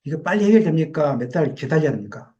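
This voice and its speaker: A man's voice: on the high side, lively intonation, fast, dark tone, muffled recording. A male pastor preaching a Sunday sermon in a church, emphatic and full of rhetorical questions to the congregation. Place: church sanctuary.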